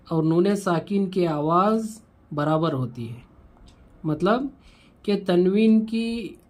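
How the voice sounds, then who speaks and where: Slow, patient man teaching Quran reading. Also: high-pitched, darkish tone. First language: Urdu. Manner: patient, repeats each syllable slowly. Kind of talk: slow recitation lesson.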